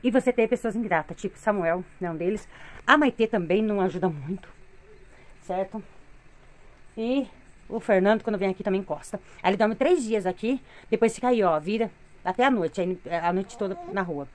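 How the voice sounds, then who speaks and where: A woman's voice: medium pitch, fairly quick, a little mellow. A middle-aged woman with a Brazilian Portuguese accent venting in a weary, complaining tone in a casual home vlog, filmed on a phone in her living room. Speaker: vlogger, mother of three.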